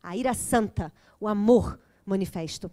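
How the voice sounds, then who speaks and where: A woman's voice: medium pitch, moderate pace, warm tone. A woman with a Brazilian Portuguese accent giving a spiritual lecture to an audience, chatty and joking, often asking her listeners to agree.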